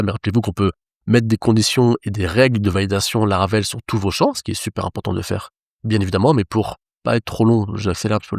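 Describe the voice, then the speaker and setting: Man, low-pitched, dry close-mic sound, step-by-step coding tutorial. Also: dry recording. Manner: explains step by step, addressing viewers directly. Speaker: web development trainer. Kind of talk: screen-recorded coding tutorial.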